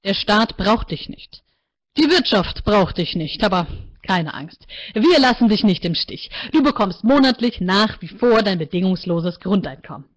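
A woman voicing a calm, coolly bureaucratic male AI life counselor in a book reading, speaking low and measured. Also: lightly acted. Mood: firm. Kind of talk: author reading aloud.

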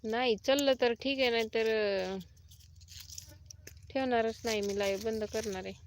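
A woman hosting a live stream, chatting casually, reading out viewer comments and teasing them with drawn-out repeated replies. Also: fairly high pitch, steady tone, a little hiss or hum. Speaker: livestream host.

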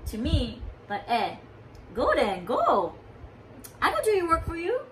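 A woman's voice: sits high, huge pitch swings, unhurried, recorded from a distance, heavy background noise, voice pushed up, heavily acted. A woman voicing a friendly, laid-back male food vendor with magic, speaking Hawaiian Pidgin in a joking, easygoing way.

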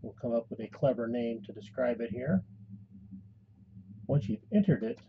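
A man calmly giving a step-by-step voice-over tutorial for a tabletop game tool. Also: medium pitch, moderate pace, highs cut off, slight background noise. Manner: calm step-by-step instruction. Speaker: tutorial host and game master. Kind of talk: screen-recorded software tutorial.

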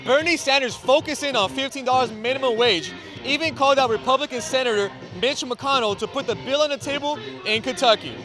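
High-voiced young male news reporter. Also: fairly quick, music in the background, a crowd in the background.

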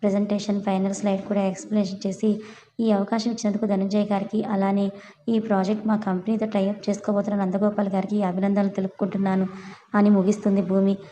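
Mellow-voiced woman narrating a story. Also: medium pitch, level tone, quick pace, slight background noise, poor audio. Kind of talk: scripted serial story narration.

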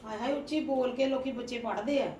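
A sharp-tongued old grandmother rules the house in this family drama, played by a woman. Her voice sits high and she scolds and schemes in a bossy way. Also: brisk, a little hiss or hum, close to an everyday voice. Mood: scolding. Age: older. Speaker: household matriarch.

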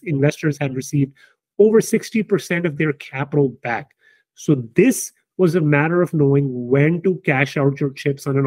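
Man, higher voice, emphatic, animated, dry close-miked sound. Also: dry recording. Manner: emphatic, animated, repeats points with "right?". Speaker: company founder, host. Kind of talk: casual business discussion.

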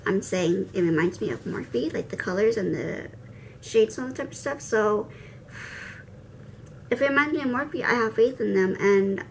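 A young woman vlogger talks through a makeup demo at an ordinary mid pitch, her r sounds leaning toward w. She is chatty, slangy and quick to poke fun at herself. The home recording has clear background noise. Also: low-quality recording. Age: young adult. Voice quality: soft r sounds, r said like w. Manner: playful, self-deprecating, slangy asides. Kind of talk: casual chatty tutorial. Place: indoor room with cloth backdrop, seated before camera.

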